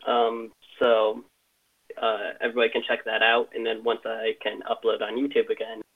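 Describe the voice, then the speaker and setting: A man calling in on his mobile phone, whose voice comes through with a tinny, metallic sound. He talks casually and haltingly, with plenty of fillers. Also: lowish voice, monotone. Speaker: caller on a live stream. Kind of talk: casual chat.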